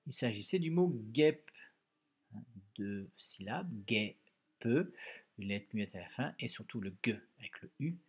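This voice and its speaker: Guy teacher going over spelling really slowly, lowish voice, keeps saying hein. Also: lively intonation, darkish tone, slightly rough. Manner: slow and patient, syllable by syllable, frequent "hein". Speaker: primary school teacher. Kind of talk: recorded remote dictation lesson.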